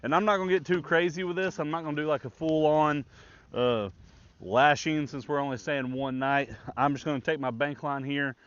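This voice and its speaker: A man's voice: fairly high pitch, fairly even intonation, normal speed, a bit bright. A man chatting casually and easygoing to camera as he works at a campsite in the open, out in windy conditions. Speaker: outdoor camping vlogger. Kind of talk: casual chat to camera while working. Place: outdoors in the open by a pond in gusty wind. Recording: dull, lo-fi outdoor camera audio.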